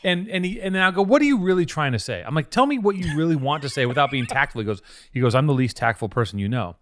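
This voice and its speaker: A man co-hosting a podcast, his voice a little higher than most men's. He talks in a rambling, profane way and swings his pitch widely as he tells a story. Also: expressive, quick pace, a bit bright, a little hiss or hum. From Venice, California. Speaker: podcast co-host. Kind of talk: casual chat.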